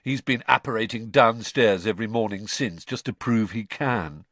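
A man's voice: on the low side, moderate pace, fairly bright tone, no room sound. A man voicing a sly teenage boy who plays innocent.

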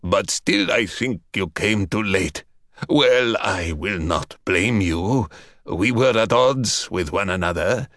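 A man voicing an ancient buried vampire, weary and sly, who talks in slow, sighing, coaxing phrases. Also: low voice, a bit bright, no echo, clean studio sound, pitched below the performer's own voice. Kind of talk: audiobook character voice.

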